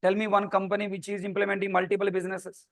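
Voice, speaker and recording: A man teaches in an interactive classroom style with a clear Telugu Indian accent, as a native Telugu speaker. His voice sits high for a man. The sound is dry, and he keeps prompting his listeners with short questions. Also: completely flat delivery, fast talker, no room sound. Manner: repeated check questions and prompts to students. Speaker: programming teacher.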